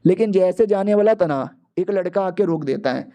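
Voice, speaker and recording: A man's voice: high voice, expressive, moderate pace, warm tone, clear, resonant tone. A man narrating a comic-book recap in a casual, slangy, playful way.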